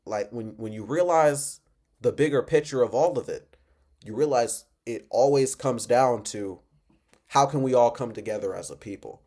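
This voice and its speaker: A man's voice: medium pitch, moderate pace, darkish tone. A man who is drunk, ranting off the cuff in an emphatic, repetitive, rambling way. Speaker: reaction video host. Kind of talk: impassioned off-the-cuff rant.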